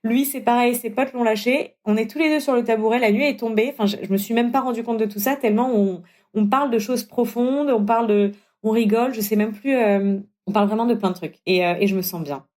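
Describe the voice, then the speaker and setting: A young adult woman telling a personal story in casual chat, acting out the dialogue with big leaps in pitch. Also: fast talker. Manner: animated, acts out dialogue with big pitch jumps. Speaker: guest telling her story.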